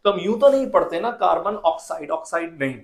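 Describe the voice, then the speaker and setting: High-voiced man teaching chemistry. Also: lively intonation, fast talker. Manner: asks questions and answers them himself, repeats key rules. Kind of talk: classroom lecture.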